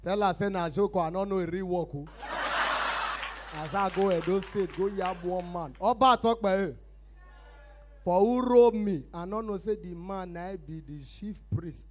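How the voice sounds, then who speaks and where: A man with a Nigerian Pidgin accent doing a loud, chatty stand-up set on a live stage, calling out to the crowd as he tells his stories. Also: sits high, fairly even intonation, normal speed, slight background noise. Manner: loud, chatty storytelling with crowd call-outs. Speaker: stand-up comedian.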